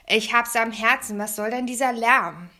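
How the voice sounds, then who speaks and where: A woman's voice: mid-range voice, big pitch swings, brisk. Woman playing a roaring grumpy neighbor man. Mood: furious. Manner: loud, roaring. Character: grumpy unkempt male neighbor, rude and threatening.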